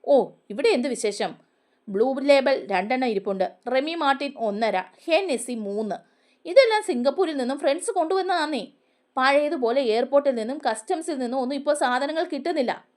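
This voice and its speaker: A woman voicing a proud, gruff ex-soldier who answers in a dry, mocking way, in a storybook retelling. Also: extremely high pitch, expressive, normal speed.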